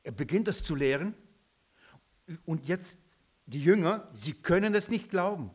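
A man's voice: a little high, expressive, measured pace, a little mellow, husky. A man preaching a sermon, emphatic, repeating his points and asking the listeners questions.

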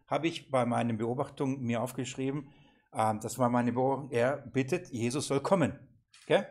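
A man leads an interactive Bible seminar. He keeps asking his listeners questions and acts out the lines he quotes. His pitch sits in the middle for a man. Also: moderate pace, darkish tone. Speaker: seminar teacher.

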